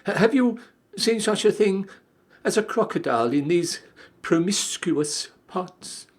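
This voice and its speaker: A man puts on a young male elephant child for a storybook tale. The voice is lifted high and lilts along, earnest and curious, with very courteous manners. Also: animated, a little slow. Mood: politely curious. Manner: very polite, earnest. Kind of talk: storybook character voice.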